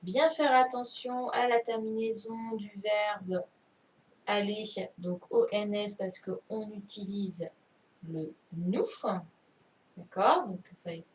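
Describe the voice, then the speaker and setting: Woman teacher, slow and patient, video-call audio a little distant. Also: mid-range voice. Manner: patient, repeats and checks understanding. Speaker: primary school teacher. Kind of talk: online class dictation correction. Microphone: computer mic on a video call. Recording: distant mic with faint noise.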